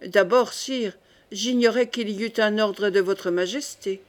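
A woman voicing a bold young nobleman in an audiobook, calm and composed. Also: medium pitch, measured pace, close to an everyday voice.

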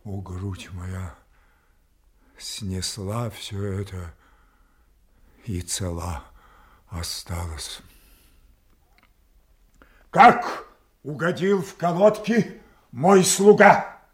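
An actor playing a proud, wounded old king in a classical audio tragedy, declaiming haltingly between hushed grief and thundering rage at his daughters. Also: on the low side, expressive. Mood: outraged. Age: older. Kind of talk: Russian classical stage tragedy acting, audio play. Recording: roomy, echoing studio audio play.

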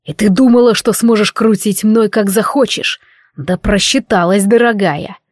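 A woman voicing a drunk, jealous young lord who growls his threats hoarsely in an audiobook. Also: medium pitch, normal speed, no room sound, clean studio sound, close to an everyday voice. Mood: gloating.

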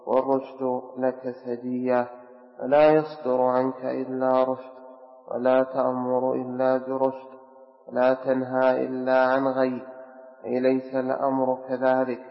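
A man reads a religious text aloud in a measured, half-sung recitation. His voice is gravelly and stays level, and the dull recording has a long hall reverb. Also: mid-range voice, completely flat delivery, soft background music. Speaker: student reading the commentary aloud. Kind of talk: chanted reading of a religious text.

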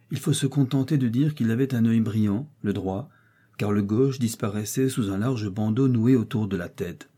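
A man reading a short story aloud in measured audiobook narration. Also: fairly low pitch, warm tone, slightly rough.

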